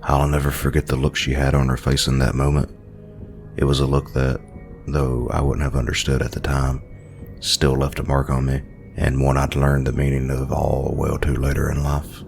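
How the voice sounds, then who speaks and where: A man with an extremely deep, flat voice reads a horror story in a slow, brooding way. Faint music plays under the narration. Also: gravelly.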